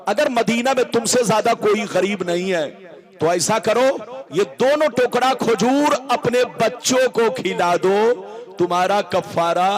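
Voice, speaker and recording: A man with a Bihari Hindi accent preaching a sermon to a gathering over a sound system, calling on the crowd to answer aloud and chanting some lines in a drawn-out melodic way. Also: high-pitched.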